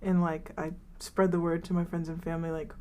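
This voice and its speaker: A woman in her twenties co-hosts a podcast, speaking a little fast in a lowish voice. Her casual chat rambles through animated retellings of stories, packed with "like" and "um."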